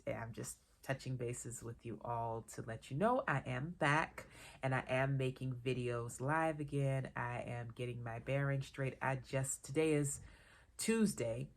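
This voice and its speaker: With a stuffy nose from a cold and a tired air, this low, creaky-voiced woman, a vlogger and author, chats casually in a solo vlog. She keeps things relaxed and wanders off on tangents with little laughs.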